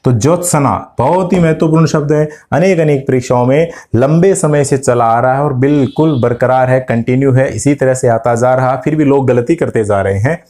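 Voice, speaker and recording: Male teacher, mellow voice, exam-prep lesson, quizzes students as he explains. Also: medium pitch, normal speed, hardly any pauses. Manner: explains step by step, asks students questions; addresses students directly. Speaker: Hindi grammar teacher.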